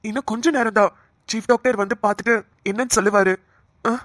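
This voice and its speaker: A woman voicing a hospital doctor in a cartoon who calmly explains and soothes a worried relative. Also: on the high side, fast talker, close to an everyday voice. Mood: soothing. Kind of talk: cartoon voice acting.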